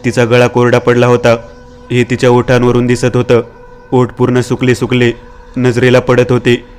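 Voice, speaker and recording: A man narrating a horror story in a steady, even-toned scripted reading. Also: mid-range voice, moderate pace, clear, resonant tone.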